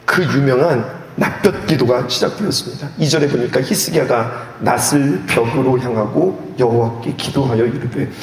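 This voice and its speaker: A male pastor preaching a sermon at a youth retreat in an animated way, asking the audience questions and acting out scenes. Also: medium pitch, moderate pace, hardly any pauses. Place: church hall. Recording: echoey hall with faint background noise.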